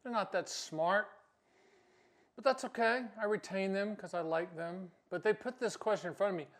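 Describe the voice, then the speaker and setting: A man's voice: sits high, normal speed. A man hosting his own channel as an annuity agent, explaining casually in a brash, joking, self-promoting way. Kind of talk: casual talking-head explainer.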